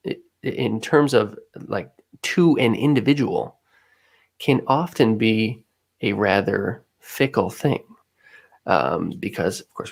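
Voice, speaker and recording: A man's voice: lowish voice, creaky. A man co-hosting a podcast, talking things through in a thoughtful, musing way as he searches for the right words. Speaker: podcast co-host. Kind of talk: casual podcast chat.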